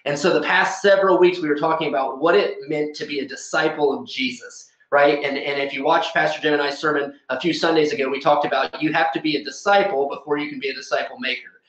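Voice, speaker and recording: A pastor in his thirties announces church news to camera, talking fast with hardly any pauses in a slightly high, a bit bright voice with fairly even intonation. His delivery is upbeat, emphatic, and informal, and the small plain indoor room gives a roomy echo and slightly dull sound.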